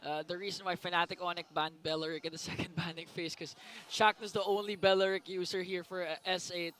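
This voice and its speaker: Excitable high-voiced male esports caster. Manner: excited, fast bursts calling plays. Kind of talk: live esports commentary.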